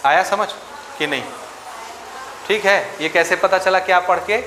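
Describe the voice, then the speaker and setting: A man teaches physics to a class in a slightly high voice, working numbers out aloud and asking students for answers. The room is echoey, with faint noise behind him. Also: a little slow, bright, forceful tone. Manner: asks students questions, works sums aloud. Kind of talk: classroom lecture.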